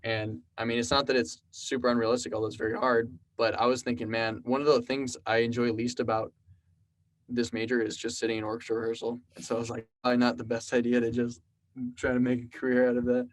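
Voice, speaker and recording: Fast-talking and mid-range in pitch, a twenty-something guy from South Texas tells meandering stories on a podcast. He programs and makes music, and his casual conversational interview is relaxed and packed with fillers.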